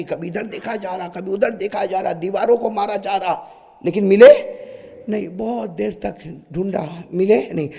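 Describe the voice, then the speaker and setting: A man preaching a dramatic story sermon, animated and prompting the crowd to answer him. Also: high-pitched, vocal fry, husky. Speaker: preacher, Quran reciter. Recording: long hall reverb.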